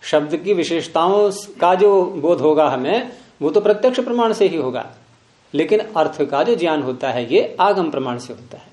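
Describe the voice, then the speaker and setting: A man's voice: on the high side, animated, normal speed, a little mellow, echoey room. A man teaching philosophy to a class, often prompting students with questions. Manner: questioning, repeatedly prompting with "hmm?". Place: room with students present.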